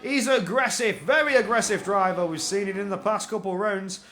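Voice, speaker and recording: High-voiced male esports race caller, excitable play-by-play, repeats himself for emphasis, light background noise. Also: normal speed. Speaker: esports motor racing commentator. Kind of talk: live play-by-play racing commentary.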